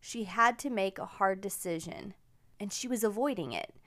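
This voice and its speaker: A woman's voice: mid-range voice, moderate pace, fairly bright tone. A woman in her forties, hosting a podcast and telling personal stories in an upbeat, encouraging way. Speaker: podcast host. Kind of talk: casual personal storytelling.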